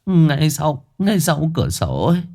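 A man doing a shrill sobbing village mother. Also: takes it slowly, creaky, full character voice. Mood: distraught. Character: frantic middle-aged village mother.

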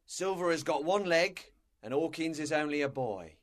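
A man voicing a fearful, rough pirate crewman in a storybook reading, excitable and jumpy. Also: a little high, moderate pace, voice pushed up, natural voice. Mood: threatening.

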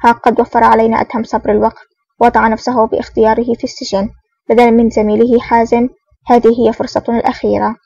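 A woman's voice: on the high side, flat delivery, quick pace, gravelly, dark tone, slightly rough, dry recording, distant mic, lo-fi sound. Woman reading as a sly spy ringleader. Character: scheming male spy ringleader. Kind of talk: audiobook reading.

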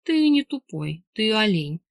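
A woman voicing a teasing, wise older father in an audiobook, speaking slowly with amusement. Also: mid-range voice, sing-song, vocal fry, no room sound, clean studio sound, pitched above the performer's own voice. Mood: amused.

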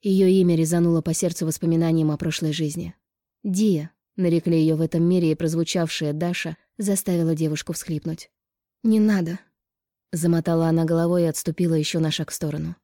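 Woman narrator for an audiobook, lowish and mellow, steady, read in a dry close-miked sound. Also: fast, no room sound.

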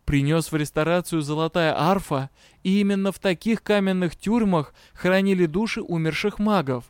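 A man's voice: high voice, normal speed, clear, resonant tone, no echo. Man narrating an audiobook, dry sound. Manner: steady storytelling read. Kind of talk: scripted narration.

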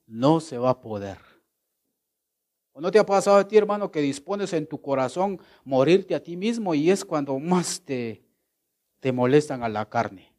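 A man preaching a devotional sermon, asking the listener questions and answering them himself, swinging between loud exclamations and low, hushed phrases.

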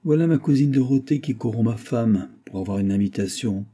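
A man reading an audiobook and voicing a pompous, lecturing brewer's clerk who talks loudly and emphatically. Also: medium pitch, brisk, slightly rough, close to an everyday voice. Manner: lecturing, self-important, emphatic.

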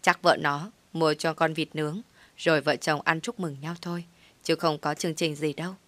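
A woman's voice: low-pitched, steady tone, normal speed, fairly bright tone, no echo. A woman voicing a doubtful young man chatting with his friend. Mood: sceptical. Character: sceptical young male buddy, chatty.

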